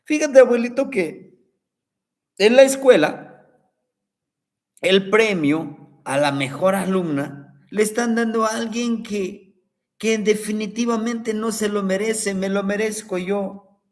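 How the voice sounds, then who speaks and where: A man's voice: sits high, slow pace. A man voicing an upset young granddaughter who complains in an aggrieved way about unfairness. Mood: indignant.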